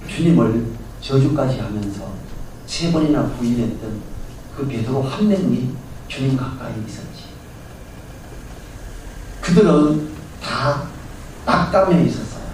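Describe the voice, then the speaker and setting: A man's voice: mid-range voice, a little mellow, a little hiss or hum. Male pastor, Sunday sermon, storyteller who acts out characters, heavy hall echo, distant mic. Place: church sanctuary. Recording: very echoey church hall, mic far off.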